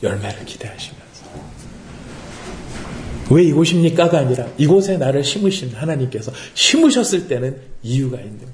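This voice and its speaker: A man's voice: medium pitch, big pitch swings, quick pace, hardly any pauses, reverberant, a little hiss or hum. A man preaching a sermon as pastor, asking rhetorical questions and acting out quotes. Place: worship service room.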